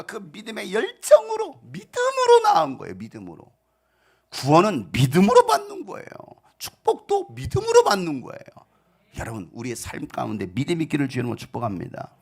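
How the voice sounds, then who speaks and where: A middle-aged male pastor giving an animated storytelling sermon, swinging from shouts to hushed asides. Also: fairly high pitch, creaky, breathy edge.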